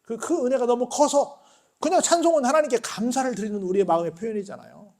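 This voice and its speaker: A male pastor delivers a sermon in a church, posing questions for the congregation to answer. His voice is high for a man, and he tells stories in a lively way. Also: quick pace. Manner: call-and-response questions, animated storytelling. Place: church sanctuary.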